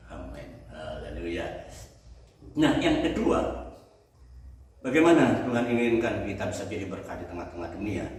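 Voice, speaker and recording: Brief: older male pastor, lively storytelling sermon, low voice, distant and echoey church hall. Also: slight background noise. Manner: animated, humorous storytelling.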